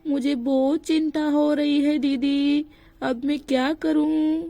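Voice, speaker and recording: A woman's voice: on the high side, fairly even intonation, slow pace, no echo. A woman voicing a worried young village mother in a doll storybook, anxious and pleading.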